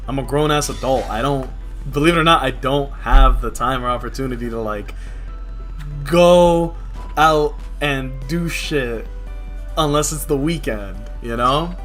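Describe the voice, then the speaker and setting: Music plays as a young New York City livestreamer talks in an unhurried, medium-pitched, slightly bright voice. He keeps his game-stream conversation casual, honest, and loaded with slang.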